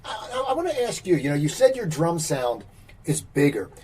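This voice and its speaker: A man hosting an interview, asking long halting questions and repeating words as he starts. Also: a little high, very animated, dark tone, slightly rough, distant mic. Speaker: interview host.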